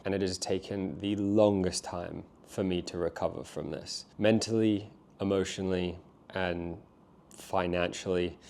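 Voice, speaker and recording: Young man, low voice, nasal from a cold, candid vlog storytelling, plenty of ums. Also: gravelly, a little mellow. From Australia. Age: 20s. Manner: candid, reflective, with frequent fillers. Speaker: vlogger.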